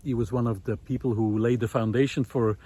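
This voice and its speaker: Walking along a country road, a man hosting a walking talk series gives an unscripted philosophical reflection. His medium-pitched voice is warm and steady, his explanations halting and thoughtful with frequent pauses, and the outdoor recording carries clear background noise.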